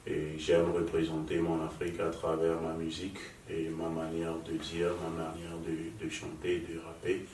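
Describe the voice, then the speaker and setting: A man with an extremely deep voice that stays almost flat. He answers in halting phrases, picked up from a distance in an echoey room with a faint hiss behind him. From Nigerian father, raised in Lomé, Togo. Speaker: guest musician. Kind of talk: interview answers. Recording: echoey room, mic far off, faint noise.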